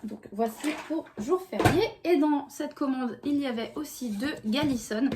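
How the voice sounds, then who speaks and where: Chatty woman vlogging, slightly high. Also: moderate pace, background noise. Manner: chatty, rambling with many fillers and restarts. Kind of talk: casual haul vlog.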